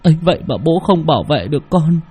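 A man's voice: fairly high pitch, expressive, quick pace, darkish tone, husky, faint music behind, pitched above the performer's own voice. A man playing an anguished, pleading father. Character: guilt-ridden middle-aged father, pleading.

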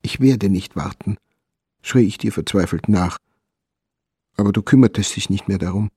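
An actor playing a brooding, anxious male writer in a radio play, speaking quietly and with measured melancholy. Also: on the low side, husky, dry recording, clean studio sound.

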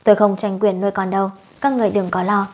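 A woman voicing a sharp-tongued young village wife who scolds and curses shrilly, in a storybook reading. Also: medium pitch, flat delivery, fast, lightly acted. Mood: furious.

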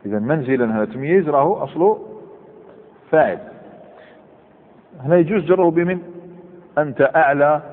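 A man teaching grammar to a class. He reads examples slowly and quizzes his students as he goes. The recording is narrow and phone-like, with long reverb from a hall. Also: medium pitch.

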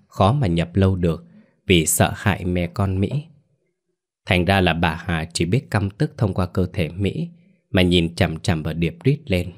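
Deep-voiced man narrating a ghost story. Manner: steady storytelling, dramatic asides. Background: faint background music.

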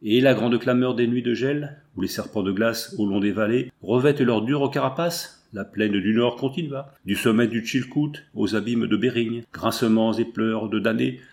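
Male narrator for a literary audiobook, gravelly texture, mid-range voice, measured reading. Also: mid-range voice, darkish tone.

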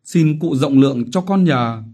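Desperate poor widow, wailing, pleading, raised pitch, husky, played by a man, audiobook. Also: expressive, measured pace, dark tone.

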